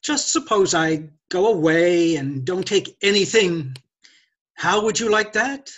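An older man playing a glib, haughty gentleman thief in a stage play read over a video call, lecturing with theatrical condescension. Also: high voice, a little slow. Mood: smooth condescension. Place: indoors, curtained room.

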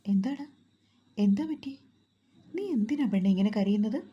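A woman voicing a tender, protective young husband in a storybook reading, speaking gently and soothingly. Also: medium pitch, moderate pace, slightly rough, muffled recording, natural voice.

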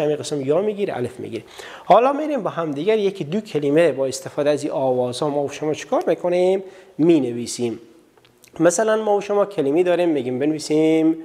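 With a big-room sound, a high-pitched, slightly mellow man with an Afghan Dari accent teaches literacy on television. He talks directly to his students, asking questions and answering them himself, and draws out vowels through repeated drills.

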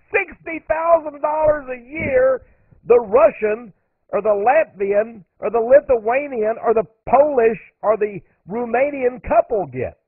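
A man with an extremely high-pitched, breathy voice hosts a radio monologue, speaking with emphasis and shooting upward on the points he stresses. There's no room sound; the audio is dry and narrow, like a phone or radio.

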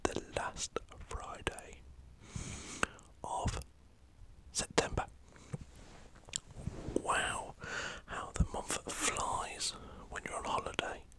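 Very slowly and with frequent pauses, a northern English man whispers in a pushed, bright voice about football for an ASMR channel. He rambles chattily and swears mildly while a camera records from in front of him.

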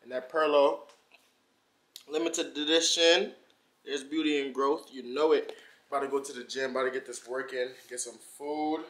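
A man's voice: mid-range voice, normal speed, low-quality recording. A young man, a college student, talking casually into his phone while walking outdoors on campus. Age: young adult. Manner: relaxed, loose and conversational.

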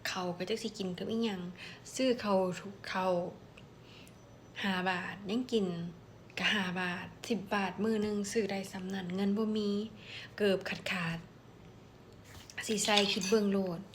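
A woman's voice: medium pitch, fairly even intonation, normal speed, slight background noise. A woman with an Isan Thai accent chatting and telling stories while eating, in blunt slangy speech. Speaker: vlogger. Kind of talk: casual mukbang storytelling.

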